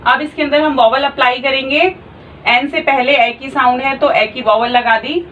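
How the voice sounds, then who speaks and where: A woman's voice: sits high, steady tone, normal speed, highs cut off, a little hiss or hum. A woman teaching a shorthand class online. She explains patiently and spells out sounds step by step.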